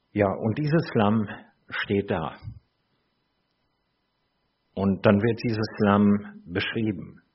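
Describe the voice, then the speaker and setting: A middle-aged man preaching a sermon in a slow, reflective way, with chatty asides to his listeners. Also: fairly low pitch, husky. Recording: dull lo-fi recording.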